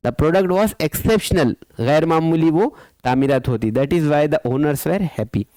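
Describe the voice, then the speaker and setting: Male teacher, slightly higher voice, very slow and deliberate, dry close sound. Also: darkish tone, clear, resonant tone, no room sound, poor audio. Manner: mixes Hindi-Urdu and English, repeats words slowly for students. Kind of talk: school lesson explanation.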